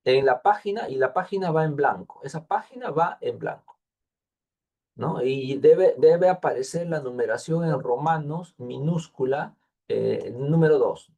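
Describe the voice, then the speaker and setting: A man guides his thesis students through formatting rules in a patient, repetitive way, pausing to think aloud. His voice is mellow and dark, with a gravelly edge at the ends of phrases. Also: fairly high pitch. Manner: patient, repeats details, thinks aloud with fillers. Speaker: thesis advisor. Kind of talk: online class instruction.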